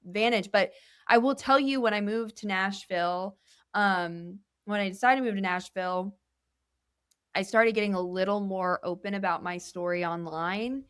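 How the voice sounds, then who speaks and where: A woman's voice: medium pitch, moderate pace, fairly bright tone, clean tone, dry recording, clean studio sound. A young adult woman talking as a guest musician in a casual podcast interview. She speaks candidly and earnestly, rambling with many fillers. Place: indoor podcast studio.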